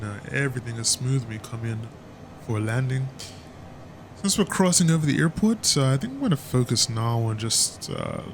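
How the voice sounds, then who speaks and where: Man, flight sim commentary, chatty, filler words, steady engine hum in background. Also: mid-range voice, vocal fry. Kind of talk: casual gameplay commentary.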